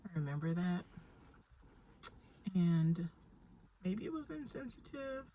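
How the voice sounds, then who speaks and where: A woman's voice: on the low side, big pitch swings, slow, dark tone, highs cut off, slight background noise. A woman telling her own story in a candid, reflective way, with small laughs and frequent restarts. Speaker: vlogger sharing her therapy story. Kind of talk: personal storytelling.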